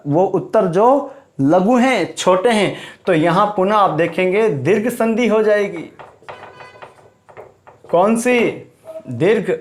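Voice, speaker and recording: A man teaching a grammar lesson, stressing each term, repeating it and quizzing the viewer. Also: sits high.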